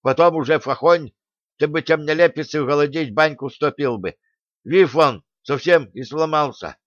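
A man's voice: a little high, moderate pace, no echo, pitched above the performer's own voice, lightly acted. A man voicing a toothless, cheerful old male craftsman with a lisp and folksy rustic speech. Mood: eager chatter. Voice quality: lisping, toothless. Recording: dull dry recording.

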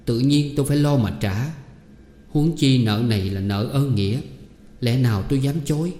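A man's voice: on the high side, warm tone, pitched above the performer's own voice, close to an everyday voice. A man voicing a poor, grieving young daughter who speaks humbly and pleads through tears. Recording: roomy hall with long reverb.

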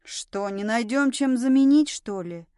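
A woman voicing a calm, practical woman who speaks firmly and plainly. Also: fairly high pitch, measured pace, dry recording, clean studio sound. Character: calm, practical woman, stern when needed.

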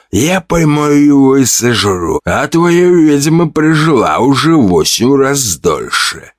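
A man's voice: mid-range voice, dry recording, clean studio sound, voice pushed up. A man voicing a cruel, mocking bandit leader in an audiobook, speaking with contempt. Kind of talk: audiobook character voice.

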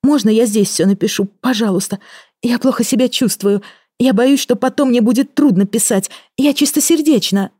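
Brief: female narrator voicing young woman confessing, breathless, pleading, pitched up. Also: normal speed, mellow, husky, no echo, clean studio sound. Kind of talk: audiobook reading.

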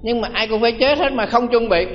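A man's voice: extremely high pitch, fast, slight background noise. A man, a Buddhist monk, giving a dharma talk as a sermon, telling stories and asking the audience rhetorical questions. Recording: dull lo-fi audio with long hall reverb.

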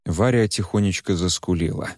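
Man, audiobook narrator, low voice, even measured reading, dry close sound. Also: no room sound.

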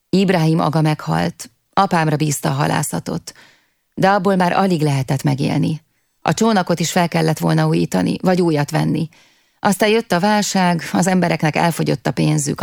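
A woman's voice: sits low, vocal fry, a little mellow, no echo, studio quality. A woman reading an audiobook, voicing a young man who wistfully tells the listeners about his past. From half Turkish, half Kurdish (figure). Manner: wistful storytelling, addressing listeners.

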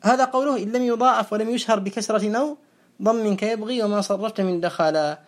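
A teacher gives a methodical classroom lecture on a grammar poem. The voice sits at a middling pitch and slows down to spell out each verb form, repeating it several times. It often puts a question and then answers it. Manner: asks questions and answers them itself. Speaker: teacher of Arabic morphology.

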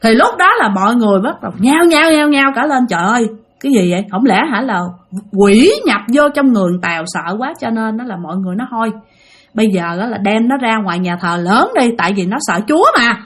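A woman's voice: a little high, lively intonation, quick pace, slightly rough. Chatty woman with a Southern Vietnamese accent. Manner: chatty, addresses listeners directly. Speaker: storyteller. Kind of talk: spoken ghost story.

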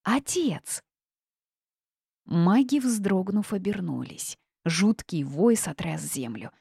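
A woman narrating a first-person storybook in a lively, expressive way, recorded on a close studio mic. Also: lowish voice, normal speed, dry recording. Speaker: audiobook narrator.

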